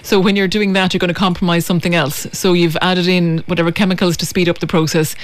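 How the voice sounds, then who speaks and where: A woman's voice: lowish voice, level tone, quick pace. Female guest, explanatory, hesitant delivery, casual studio chat. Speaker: baking guest. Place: radio studio.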